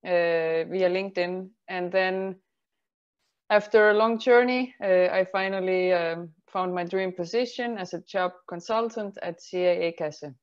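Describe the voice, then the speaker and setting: A woman from Estonia, a career advisor answering interview questions in a measured way, explaining things step by step. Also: on the low side, clear, resonant tone. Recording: slightly muffled sound.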